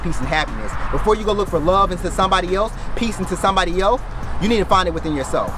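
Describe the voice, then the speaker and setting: An American man giving an emphatic, preacher-like motivational speech, repeating phrases and asking rhetorical questions. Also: fairly high pitch. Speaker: motivational content creator.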